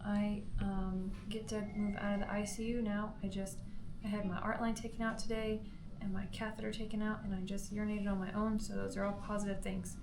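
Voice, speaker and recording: A woman's voice: mid-range voice, little pitch movement, brisk. A woman giving a casual video diary from a hospital room, sounding weak and in pain after surgery. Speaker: vlogger, hospital patient. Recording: roomy, noisy hospital room.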